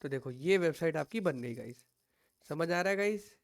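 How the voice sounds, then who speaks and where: Young male coding instructor, fairly high voice, patient and reassuring, live class over a call mic. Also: lively intonation, normal speed. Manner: patient, reassuring, mixes English tech words into Hindi.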